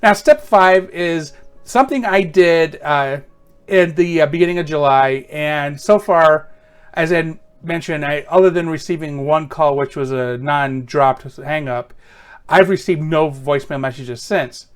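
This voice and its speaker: A man's voice: on the high side, unhurried, clear, resonant tone. A man presenting tech tips in an informal, conversational, matter-of-fact how-to style.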